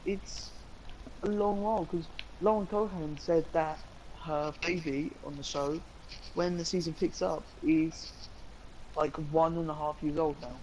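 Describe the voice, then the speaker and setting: A man's voice: on the high side, fairly even intonation, measured pace, a little mellow, slight background noise, low-quality recording. A young man, co-hosting a casual live-stream chat, rambling eagerly with lots of fillers. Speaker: co-host.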